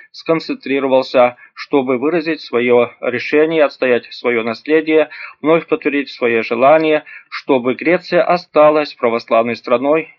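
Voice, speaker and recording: Male preacher, earnest sermon to a congregation, mid-pitched, muffled lo-fi sound.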